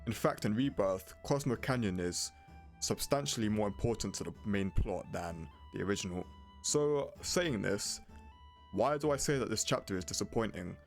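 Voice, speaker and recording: A man's voice: lowish voice, lively intonation, moderate pace, creaky. A man narrating a scripted video game review in a blunt, casual way. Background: prominent music.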